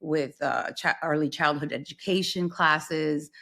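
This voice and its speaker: Low-voiced woman chatting as a guest. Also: a little slow. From South Florida. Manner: animated, mixes Spanish phrases, many fillers. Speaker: podcast guest. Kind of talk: casual interview chat.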